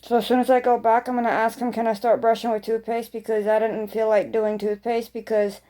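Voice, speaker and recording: A woman talks casually to her viewers as a vlogger. Her voice sits fairly high yet has a very relaxed, dark-soft tone. She rambles along and circles back, repeating short phrases to make her point. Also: brisk.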